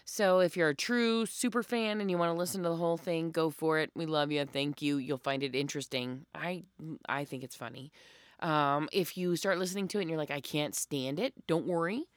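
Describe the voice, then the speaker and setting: Low-voiced woman podcast host, dry and close. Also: brisk, no room sound. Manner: self-deprecating. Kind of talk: casual podcast chat.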